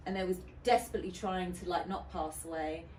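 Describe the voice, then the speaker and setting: Speaking fairly quickly with a darkish, fairly low voice, a UK woman who works as a DJ talks chattily and openly as a podcast guest, full of fillers and restarts. The casual interview was captured on a distant mic in a roomy space with faint noise.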